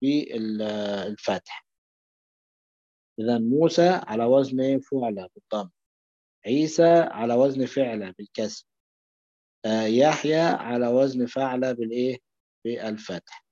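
An Egyptian man teaches with a warm, low-key tone, posing questions and then answering them himself. The recording is dull and lo-fi, with a dry, close sound. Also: moderate pace, long pauses, no echo. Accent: Egyptian Arabic. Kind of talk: explaining a lesson.

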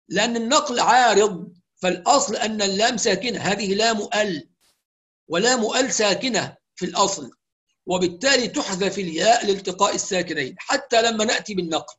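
A man with an Egyptian accent teaching Quran recitation rules, explaining in colloquial speech and reciting examples slowly and carefully. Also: high voice, fairly bright tone. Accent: Egyptian Arabic. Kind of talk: tajweed lesson with recited examples.

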